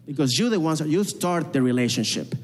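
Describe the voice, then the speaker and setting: A Venezuelan stand-up comedian with a Venezuelan Spanish accent performs a chatty, self-mocking set on a comedy club stage, bantering with the crowd. His voice is on the high side, animated and brisk, with a long reverb tail and background noise.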